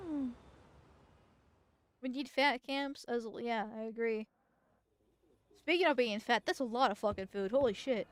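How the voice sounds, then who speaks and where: A woman's voice: on the high side, measured pace, pauses often, no echo. A woman streaming a game with casual commentary, blunt, crude and irreverent.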